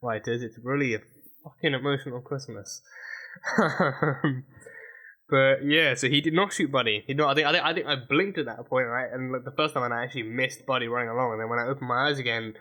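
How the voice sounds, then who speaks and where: Male TV reviewer, mid-pitched, bright forward voice, loose rambling unscripted talk. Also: fast. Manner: rambling, many restarts and fillers, laughs often. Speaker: TV episode reaction reviewer. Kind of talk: casual reaction review monologue.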